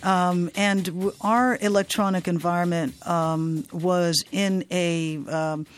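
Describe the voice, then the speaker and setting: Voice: medium pitch, flat delivery, slow. A radio host talking in an informal, free-form way, hesitant and often digressing. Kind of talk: free-form, rambling late-night radio talk.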